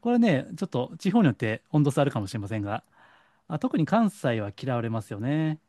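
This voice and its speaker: A middle-aged man from Kansai with a Kansai accent, a psychic counselor giving a lecturing solo talk and slowing down to stress points. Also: medium pitch, no room sound, studio quality. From Kansai, Japan. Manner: lecturing, animated, slows for stress. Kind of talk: solo monologue to camera.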